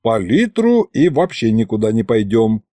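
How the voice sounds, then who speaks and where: Brief: male reader as a teasing young hero, lively delivery, dry audiobook sound. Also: on the low side, moderate pace, no echo. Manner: wry, teasing. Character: wry young man, the first-person hero.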